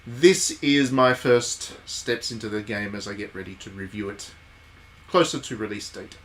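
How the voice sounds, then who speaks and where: His voice is on the low side and moves at a moderate pace. A game streamer and reviewer, he chats and jokes with his viewers while commenting on a game in a casual livestream and reading game text aloud.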